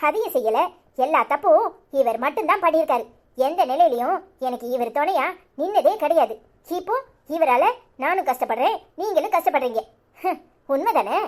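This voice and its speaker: A woman's voice: sits high, lively intonation, darkish tone. A woman voicing a bitter, stubborn young married daughter in a cartoon serial, speaking with a Tirunelveli Tamil accent and firing accusing questions. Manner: accusing, insistent, rapid-fire questions.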